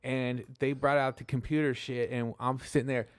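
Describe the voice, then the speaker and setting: Smooth-voiced easygoing man in his forties. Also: medium pitch, little pitch movement, normal speed, dry recording, studio quality. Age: 40s. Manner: easygoing, rambling, says "dude" and "man". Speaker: podcast guest, stand-up comedian. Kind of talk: casual podcast chat.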